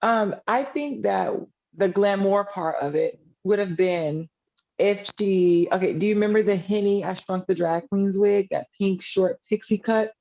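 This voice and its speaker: A woman on a recap panel, sassy and animated, with playful exclamations. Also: mid-range voice, unhurried, muffled recording. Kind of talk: casual recap chat.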